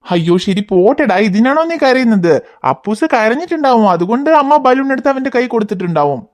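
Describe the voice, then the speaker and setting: A patient, gentle cartoon father, voiced by a woman who coaxes and reasons with his children. The voice sits somewhat high and stays calm and firm. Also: fast talker. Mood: coaxing. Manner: coaxing, explaining patiently. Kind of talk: cartoon voice acting.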